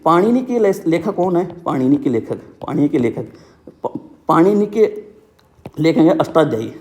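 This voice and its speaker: Young man, teacher, slightly high voice, casual, repeats key words, memory tricks. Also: sing-song, normal speed, a little mellow. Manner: repetitive, keeps saying "ठीक है". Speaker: exam coaching teacher.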